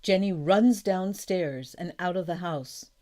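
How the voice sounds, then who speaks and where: A woman reading a storybook for learners aloud, slowly and carefully, announcing each page. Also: fairly low pitch, darkish tone. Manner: slow, careful, clear reading. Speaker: audiobook narrator. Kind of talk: scripted narration of a graded reader.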